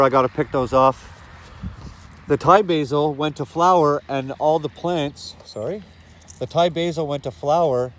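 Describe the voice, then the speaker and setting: Walking through his garden plot in the evening, a gardening vlogger with a mid-range voice and a sniffly cold talks casually about his plants. His narration rambles, full of fillers and restarts.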